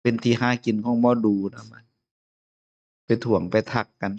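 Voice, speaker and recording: A man's voice: mid-range voice, level tone, moderate pace, gravelly, darkish tone, lo-fi sound. A man with an Isan Lao accent giving an informal Buddhist sermon as abbot, chatty and chuckling often. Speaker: abbot giving a Dharma talk.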